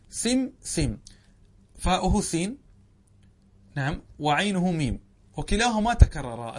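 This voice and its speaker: A sheikh giving a classroom lecture, often asking the class a question and answering it himself, drawing out words slowly. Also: male voice, a little high, a little hiss or hum. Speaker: sheikh teaching a classical text.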